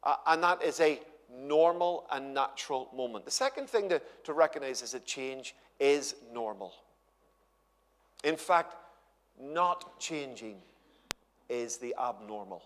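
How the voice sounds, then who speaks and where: Preaching to a live crowd in a big church hall with a stage, this man in his 50s is a guest at a church conference. His medium-pitched, fairly bright voice is expressive and unhurried as he tells stories with a chatty, humorous touch, and the hall's reverb lingers long.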